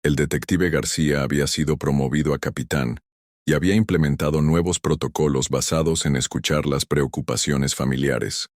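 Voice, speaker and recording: A man narrates a sentimental story in a measured, solemn manner. His voice sits extremely low. The recording is dry and close. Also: steady tone, no room sound.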